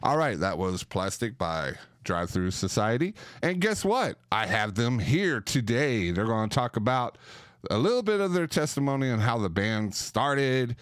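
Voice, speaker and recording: A man's voice: mid-range voice, very animated, moderate pace, smooth, no room sound, studio quality. A man hosting a casual talk show, joking and playful, often slipping into mock voices. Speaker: podcast host. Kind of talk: lively casual chat.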